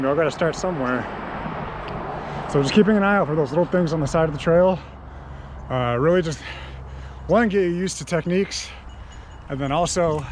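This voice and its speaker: A man's voice: a little high, noisy background. A man vlogging outdoors on a mountain bike trail, talking casually with lots of ums and you-knows into an action camera he wears. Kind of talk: casual trailside vlog talk. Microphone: action camera worn while riding.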